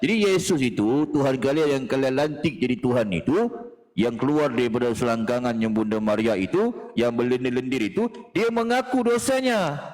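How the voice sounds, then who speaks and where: A man hosting a heated live-stream debate, scornful and mocking, laughing often and jumping from loud high taunts to low mutters. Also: expressive, moderate pace, long reverb tail.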